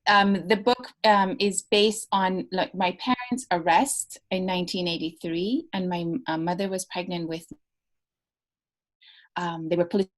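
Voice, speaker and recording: A woman guest on a video call interview, talking about her work thoughtfully with many pauses and restarts. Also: on the low side, fairly even intonation. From United States (born in Iran). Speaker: novelist guest. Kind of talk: casual interview talk.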